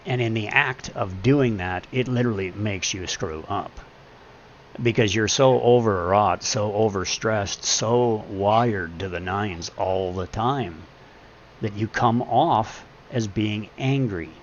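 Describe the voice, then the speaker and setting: A man in his forties with a deep voice, musing earnestly and at length in a casual live-stream monologue. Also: slow, lo-fi sound, slight background noise. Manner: earnest, rambling, philosophizing.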